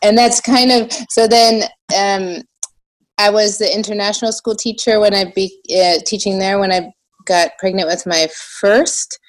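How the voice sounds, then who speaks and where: An American woman with a slight German accent, chatting casually and haltingly in an interview, often restarting her sentences. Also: medium pitch, fairly even intonation, poor audio. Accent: American with a slight German influence. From United States. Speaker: podcast guest, small shop owner.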